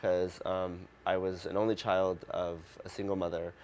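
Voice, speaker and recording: A man from Mexico who grew up in Los Angeles, answering a host's questions in a relaxed, halting way with many ums. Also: deep voice, slight background noise. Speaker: interview guest. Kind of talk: casual interview answers.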